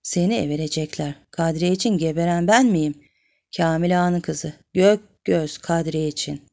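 A woman's voice: fairly low pitch, normal speed, vocal fry, darkish tone. A woman voicing a jealous, demanding village woman who nags and accuses. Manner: nagging, accusing.

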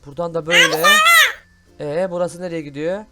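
A man hosting excited gameplay commentary, full of loud exclamations. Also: a little high, fairly quick, faint music behind. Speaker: gaming host.

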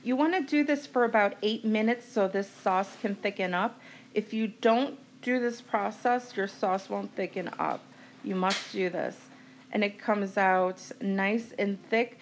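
A woman with a medium-pitched voice talks a little slowly over slight background noise. She's a cooking vlogger giving friendly, plain step-by-step cook-along narration with fillers in her home kitchen.

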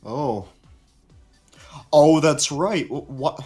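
A man's voice: on the high side, lively intonation, very slow, warm tone, soft background music. A man voicing an earnest cartoon chameleon ninja who stammers defensively and gets flustered in improvised banter. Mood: sheepish.

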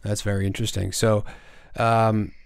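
A man hosting a podcast, interviewing with deadpan mock seriousness and lots of hesitant fillers. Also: fairly low pitch, moderate pace, gravelly, clear, resonant tone. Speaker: podcast host. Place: studio.

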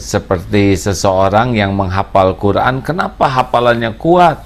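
Earnest middle-aged male preacher, low voice. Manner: earnest, emphatic, repeats key words. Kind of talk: religious talk to hajj pilgrims. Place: study with bookshelves.

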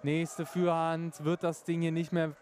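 A man's voice: fairly high pitch, monotone, a little slow, a little mellow, a little hiss or hum. A man giving live boxing commentary in an emphatic, opinionated way.

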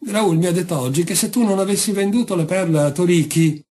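A man's voice: high voice, quick pace, warm tone, lightly acted. A man voicing an anxious, whining island wife in a read-aloud story. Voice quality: whiny.

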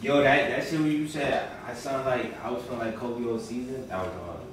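A man's voice: medium pitch, fairly quick, distant mic. A young man vlogger talking in hyped, slangy casual chat and rapping short lines, in an echoey room with background noise. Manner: hyped, slangy, lively delivery.

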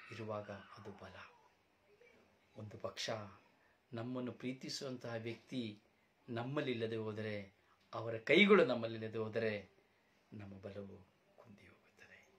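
A man preaching a sermon, telling a parable dramatically, swinging from loud outbursts to near-whispers. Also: medium pitch. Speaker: pastor. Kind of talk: sermon storytelling.

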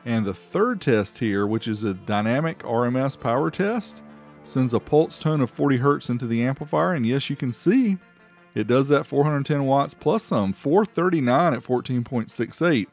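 With a medium-pitched, expressive, darkish voice at normal speed, this middle-aged American host of a car audio amplifier review channel gives a laid-back voice-over full of playful, showy emphasis. Background music sits faintly behind him.

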